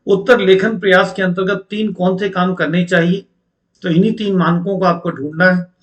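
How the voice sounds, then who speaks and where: A man's voice: high-pitched, steady tone, normal speed, a bit bright. A man teaching an online exam-preparation lecture, explaining step by step and putting rhetorical questions to his students.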